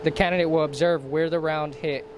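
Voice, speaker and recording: Formal male instructor, slightly high voice, noisy background. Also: fairly quick. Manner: formal, procedural, enumerating steps. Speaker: military instructor. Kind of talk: scripted instructional narration. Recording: clear steady ambient background noise.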